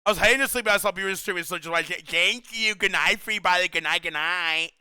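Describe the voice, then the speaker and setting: A young man chatting casually with his stream viewers, excitable and slangy, saying "bro" a lot and laughing often. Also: high voice, fairly quick, clear, resonant tone, no room sound.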